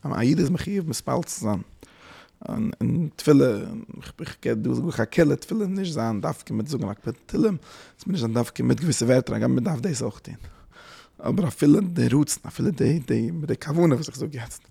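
A man giving a spoken religious lecture as a teacher, halting and searching for words, often dropping in English terms. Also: medium pitch, lively intonation, creaky, dark tone, breathy edge.

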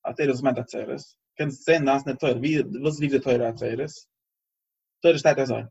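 A man giving a Torah class, reasoning aloud in a halting, searching way and often repeating phrases. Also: mid-range voice, steady tone, vocal fry, darkish tone, slightly rough, lo-fi sound. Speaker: Torah teacher.

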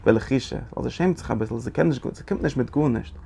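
A man giving a Torah study lecture, halting and repeating his phrases as he works through the text. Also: mid-range voice, gravelly, dark tone, a little hiss or hum. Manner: halting, repeats phrases, mixes Yiddish and Hebrew terms into German. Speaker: Torah teacher.

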